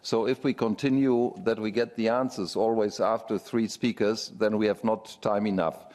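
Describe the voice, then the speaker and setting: A man's voice: lowish voice, fairly even intonation, darkish tone. Man chairing a debate in a hall. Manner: slow, halting. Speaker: session chair. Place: conference hall. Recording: long reverb of a hall.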